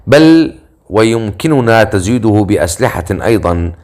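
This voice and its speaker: An excitable male inventor in an audiobook fantasy tale, rambling eagerly while clinging to his dignity, as a male narrator puts him on. The voice stays low-pitched and earnest. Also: normal speed. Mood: excited.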